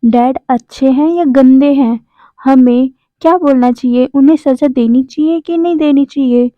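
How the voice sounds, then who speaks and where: A woman's voice: sits high, moderate pace, no echo, lightly acted. A woman voicing a curious, blunt seven-year-old boy asking questions, in a plain reading voice. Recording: slightly dull, dry close recording.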